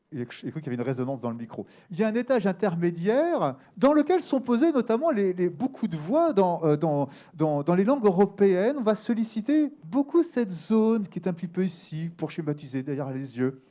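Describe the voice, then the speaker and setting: A man's voice: high-pitched, very animated, fairly quick, mellow. A man coaching an audience on the voice, talking freely and animatedly and demonstrating vocal exercises for people in the room and on screen. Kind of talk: live workshop talk.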